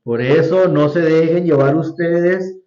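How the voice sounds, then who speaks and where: A man's voice: fairly high pitch, unhurried, mellow. A man teaching a Sunday school Bible lesson to a congregation, often quizzing the class with questions. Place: church hall. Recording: roomy, dull lo-fi church recording.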